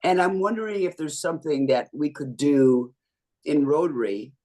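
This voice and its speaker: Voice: mid-range voice, moderate pace, mellow. A participant on a video call asking a thoughtful question. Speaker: audience participant.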